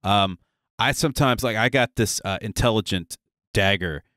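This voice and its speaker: A man's voice: lowish voice, normal speed, dry recording, studio quality. A man hosting a casual panel chat, telling stories in a jokey way. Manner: animated, jokey storyteller. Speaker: podcast host.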